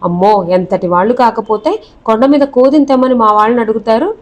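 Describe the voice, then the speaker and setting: A feisty, sharp-tongued young bride who snaps back with sarcasm, as a woman narrator voices her. The voice sits high, part of an audiobook of a novel. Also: a little fast, close to an everyday voice. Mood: defiant.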